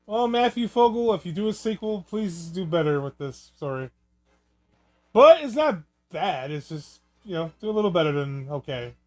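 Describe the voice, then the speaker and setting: Male film commentator: fairly high voice, casual, rambling, joking, music underneath. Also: sing-song, moderate pace, darkish tone. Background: film soundtrack music.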